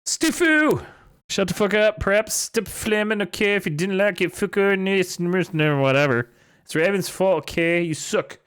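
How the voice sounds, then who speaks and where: A man's voice: sits high, moderate pace, a bit bright, clear, resonant tone, pitched above the performer's own voice. A man voicing an angry goth teenage girl author who rants and swears defensively at her critics. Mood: ranting.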